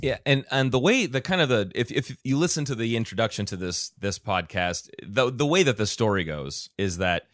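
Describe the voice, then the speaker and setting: A middle-aged man hosting a podcast, chatting casually with many halting restarts. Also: medium pitch, animated, fairly bright tone, no room sound, studio quality. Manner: halting, restarts often, friendly questions. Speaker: podcast host.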